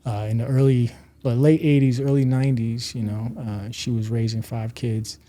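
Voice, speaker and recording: A man's voice: mid-range voice, little pitch movement, normal speed, dark tone. A man in his thirties from Rwanda, a podcast guest chatting casually with many fillers. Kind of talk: casual interview chat.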